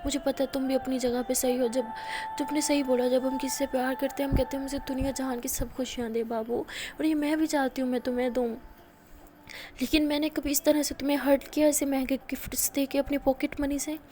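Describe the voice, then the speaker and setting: Hurt young girlfriend, teary and pleading, high voice; woman reader doing her. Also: little pitch movement, fairly quick, dark tone, a little hiss or hum, natural voice. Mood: soothing. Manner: tearful pleading.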